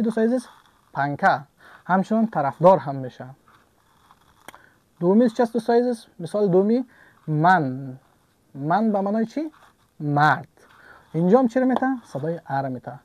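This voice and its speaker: A man's voice: sits high, a little mellow, no room sound. A man teaching English. He repeats each example word several times and asks and answers his own questions. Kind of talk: online language lesson.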